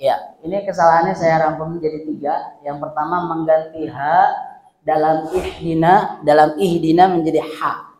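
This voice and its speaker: A man's voice: high voice, a little mellow. A man teaching Quran recitation, patiently demonstrating sounds and repeating syllables one by one. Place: hall at a hospital study gathering. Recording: roomy echoey hall.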